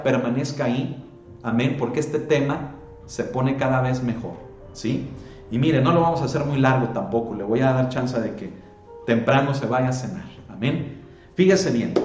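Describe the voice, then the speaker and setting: A man's voice: mid-range voice, darkish tone. A man with a Mexican accent preaching a sermon as pastor, asking rhetorical questions and often addressing the listeners as "hermano". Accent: Mexican Spanish. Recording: roomy, dull lo-fi sound with faint music.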